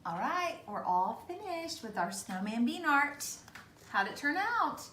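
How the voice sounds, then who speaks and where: A woman with a high, bright voice talks slowly to her pets and keeps asking what they think. Her voice carries a roomy echo, with faint noise underneath. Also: very animated. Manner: coaxing, asks pets lots of questions. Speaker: pet vlogger. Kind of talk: casual vlog talk to pets.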